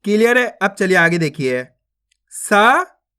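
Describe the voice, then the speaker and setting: A woman teaching children to read, slowly sounding out each word and repeating it. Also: mid-range voice, level tone, a bit bright, clear, resonant tone. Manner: drawn-out syllable-by-syllable pronunciation, repeats each word. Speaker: Hindi reading teacher. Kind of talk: slow spelled-out reading lesson.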